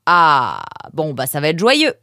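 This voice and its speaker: Une femme qui joue un renard effronté et autoritaire. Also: female voice, low-pitched, huge pitch swings, a little slow, dry recording, clean studio sound, exaggerated voice. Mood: mocking. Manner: loud, blunt, mocking. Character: male fox, brash, tactless, bossy.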